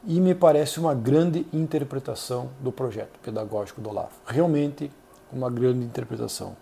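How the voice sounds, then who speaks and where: A Brazilian man hosting a channel, giving earnest, measured solo commentary with frequent hesitations. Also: mid-range voice, gravelly, warm tone, slight background noise. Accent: Brazilian Portuguese. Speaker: channel host reviewing an essay.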